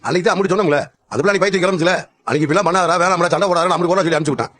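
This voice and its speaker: A middle-aged man playing the father in a TV family drama, speaking in a gruff, fatherly way. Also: sits high, racing, fairly bright tone. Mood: puzzled. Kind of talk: TV serial acting.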